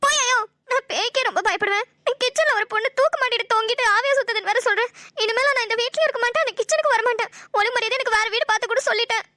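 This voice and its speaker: A woman voicing a jumpy young cartoon wife who scares easily and pleads in a whiny, excitable way. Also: very high voice, very fast. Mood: sulking. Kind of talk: cartoon voice dubbing.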